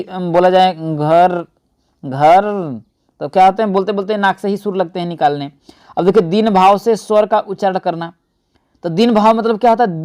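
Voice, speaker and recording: A man's voice: high voice, darkish tone, clean tone. A man teaching an exam-prep lesson, often asking and answering his own questions and calling his viewers friends.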